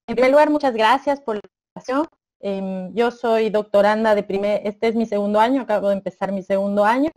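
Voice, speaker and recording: Slightly high-voiced woman from Ecuador. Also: darkish tone. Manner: measured, explanatory, with frequent hesitations. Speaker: doctoral student panelist. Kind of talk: presenting her own work on a video call. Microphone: video call.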